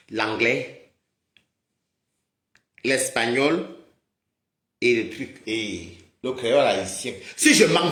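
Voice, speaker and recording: A man hosting a livestream in a heated rant, his voice jumping high and low as he scolds and mocks his viewers. He sounds agitated and talks to them as maman. The recording carries a roomy echo. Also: a bit bright. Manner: mocking, scolding, repeatedly addresses viewers as maman. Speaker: livestream host.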